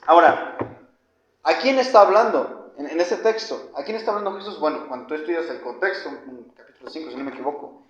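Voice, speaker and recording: A man delivers a sermon in a plain, conversational way, rising to loud questions and then dropping almost to a murmur. His voice sits a little high for a man. The recording is dull and lo-fi, with the roomy echo of a church hall. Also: animated, fairly quick. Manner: conversational preaching, addresses listeners as brothers, swings from loud to soft. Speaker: preacher. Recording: echoey church, dull lo-fi sound.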